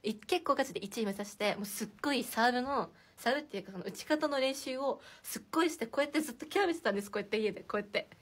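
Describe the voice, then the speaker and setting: A woman's voice: a little high, racing, hardly any pauses. A young woman hosting a casual livestream from indoors, chatting and giggling as she reacts to viewer comments. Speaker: idol livestream host.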